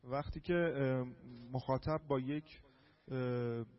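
A man in a class offering a hesitant answer, pausing often to search for words. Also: mid-range voice, steady tone, lo-fi sound. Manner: hesitant, with pauses and fillers. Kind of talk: hesitant spoken comment in class.

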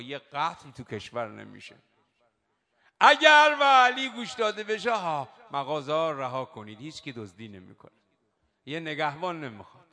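A male preacher giving a religious sermon, moving between slow, drawn-out shouted chanting and quiet, hushed storytelling. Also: on the high side. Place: religious hall at a night gathering.

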